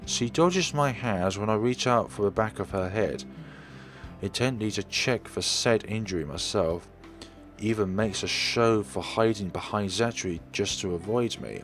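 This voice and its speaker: A let's player reads a visual novel aloud with dramatic storytelling flair, his lowish, slightly bright voice moving at a moderate pace. Game music plays behind him throughout.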